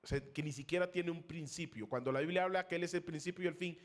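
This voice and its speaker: A man who is a pastor teaching a theology class, lecturing in a classroom style, raising his voice to stress key terms, asking questions of the class and pausing with fillers. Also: on the high side. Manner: pauses with fillers, searches for names.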